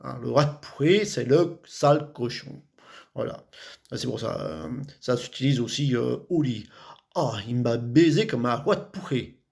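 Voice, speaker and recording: A man's voice: mid-range voice, a little slow, creaky, darkish tone. A man from the Vosges with a Vosges French accent, chatting casually about local words, talking in loose repetitive bursts with many fillers. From Vosges, France.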